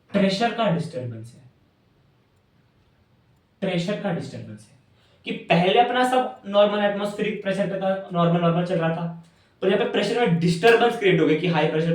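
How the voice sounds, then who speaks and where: Guy teaching at a whiteboard, kinda high voice, super echoey classroom, bit far from the mic. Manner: playful, asks and answers his own questions, calls students "bhaiya". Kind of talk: animated classroom explanation.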